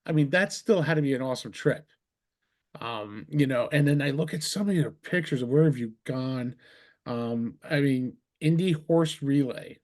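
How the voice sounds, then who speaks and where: A man's voice: mid-range voice, a little mellow. A middle-aged man from New Jersey hosting a casual interview, talking in an enthusiastic, rambling way. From New Jersey, USA. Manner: enthusiastic, rambling, quick asides. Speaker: podcast host.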